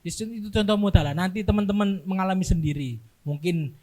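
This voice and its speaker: Young guy guest, slightly high voice, slow explainer, keeps going "ya kan?". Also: warm tone. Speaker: guest, dorm security staff. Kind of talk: casual podcast chat.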